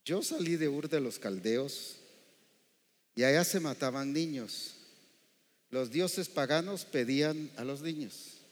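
A man's voice: on the high side, takes it slowly, long pauses. A male preacher delivering a sermon in a church, often quizzing the congregation with rhetorical questions. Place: church hall. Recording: echoey hall reverb.

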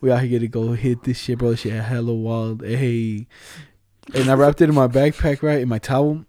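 A man's voice: mid-range voice, little pitch movement, normal speed, warm tone, no echo. A young adult man chatting casually and telling stories in a jokey, slangy, profanity-laced way. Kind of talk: casual chat, swapping stories.

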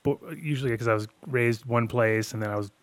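A man's voice: mid-range voice, steady tone, brisk, no echo. A man in his fifties from upstate New York, hosting a casual interview and asking loose, rambling questions. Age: 50s. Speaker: podcast host.

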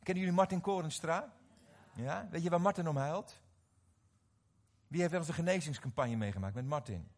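A middle-aged man preaching a sermon, animated and often questioning his audience, repeating words as he restarts. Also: fairly high pitch, a little fast. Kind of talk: sermon to a live congregation.

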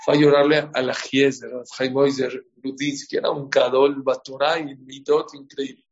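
A man's voice: medium pitch, flat delivery, moderate pace. A man giving a sermon as a rabbi, telling stories and asking his listeners questions. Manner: storytelling, asks the audience questions. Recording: dull lo-fi recording.

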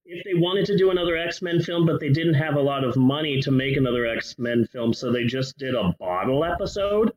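Lively guy ranting bout a movie, cusses a lot, kinda muffled lo-fi sound. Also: medium pitch, a little fast, few pauses. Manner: animated, profane, ranting. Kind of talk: casual movie review chat. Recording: muffled lo-fi audio.

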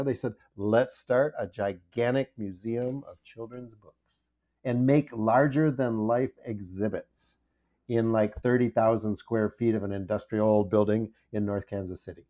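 A man with a medium-pitched voice and dull audio chats casually and playfully with a joking manner. He is a children's book author appearing as a podcast guest.

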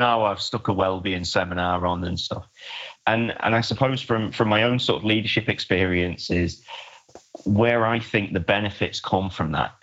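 A man's voice: on the low side, a bit bright. A man giving an informal, reflective answer as an interview guest. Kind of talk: conversational discussion. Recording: dull lo-fi audio.

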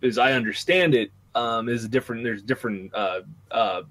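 Male podcast host, mid-pitched voice, casual news chat, opinionated, sweary. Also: a little fast, fairly bright tone.

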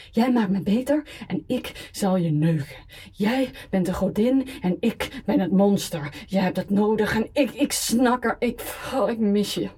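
A woman voicing a drunk, desperate middle-aged man pleading loudly and crudely with his ex on the phone. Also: medium pitch, breathy edge. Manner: slurred, begging, loud and crude.

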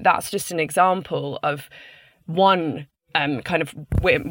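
A woman's voice: deep voice, fairly bright tone, dry recording. A woman founder speaking on a panel call, hesitant with frequent restarts and fillers.

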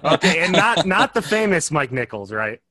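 A man's voice: a little high, very animated, normal speed, a crowd in the background. A man hosting a casual film podcast, upbeat and chatty, with plenty of fillers. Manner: upbeat, sing-song greeting, loose with fillers. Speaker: podcast host.

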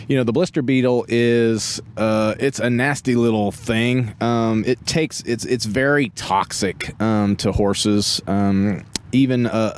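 A man, a veterinary guest, giving unscripted interview answers in a halting way as he searches for words. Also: on the low side, darkish tone, clear, resonant tone.

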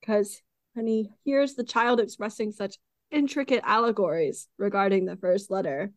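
Woman co-host, medium pitch, reads passages plainly and drops dry quips; dry close mic. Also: normal speed, no room sound, poor audio. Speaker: podcast co-host reading the story. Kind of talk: casual chat reading passages aloud.

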